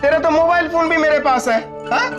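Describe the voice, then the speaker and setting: A middle-aged husband in a television crime drama, sly and controlling. He coaxes and taunts with very animated pitch. Music runs behind his voice. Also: fairly quick. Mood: taunting. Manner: coaxing, taunting. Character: menacing, mock-sweet husband and father, controlling and sly. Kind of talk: Hindi TV crime drama acting.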